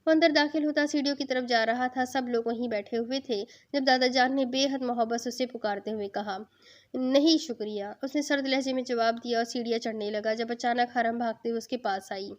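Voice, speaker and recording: A woman narrates a novel in a steady storytelling manner. Her voice sits fairly high. The recording sounds dull and lo-fi. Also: few pauses. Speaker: novel reader.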